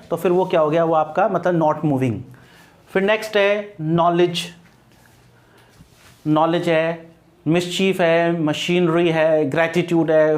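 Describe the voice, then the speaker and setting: A man's voice: high voice, darkish tone. A man teaching an online English grammar lesson, explaining patiently and reassuring his students, spelling words out letter by letter. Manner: mixes English terms into his talk.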